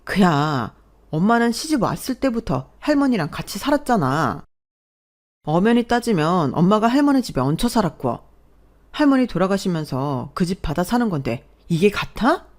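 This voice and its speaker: A woman's voice: mid-range voice, big pitch swings, normal speed, a little mellow, lightly acted. A worn-out husband, played by a woman in a radio drama, stuck between his wife and his mother. He sounds exasperated and pleading, with a voice that rises and falls widely. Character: married man, weary husband caught between wife and mother. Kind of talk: Korean radio drama acting.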